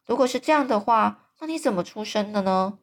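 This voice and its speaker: A woman's voice: medium pitch, animated, a little fast, lightly acted. A woman voicing a small, curious and polite young girl who asks many questions.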